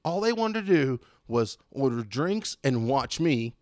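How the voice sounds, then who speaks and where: Brief: male podcast host, casual, animated storyteller, swings his pitch a lot. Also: a little slow, no room sound, studio quality.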